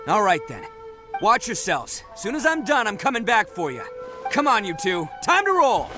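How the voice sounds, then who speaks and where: A brash young oni gang boss from a video game, with a raised, very animated voice. He is loud, cocky and slangy, a loyal leader, and game music plays behind him. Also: high-pitched, a little slow, exaggerated voice. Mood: determined.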